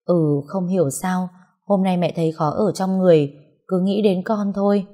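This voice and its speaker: A woman's voice: fairly low pitch, steady tone, normal speed, mellow, close to an everyday voice. A woman voicing a worried middle-aged mother on the phone, asking pressing, anxious questions. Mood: gentle.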